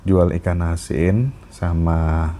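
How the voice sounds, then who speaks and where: A man hosts a relaxed interview in a very low, mellow voice. He muses aloud before asking gentle, open follow-up questions. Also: slow. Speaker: podcast host. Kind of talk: casual interview.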